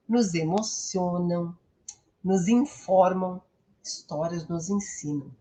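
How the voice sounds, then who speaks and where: A Brazilian-accented woman with a lowish voice teaches English as a host. Her talk is both instructional and promotional, delivered didactically and with emphasis, and she keeps adding tag questions.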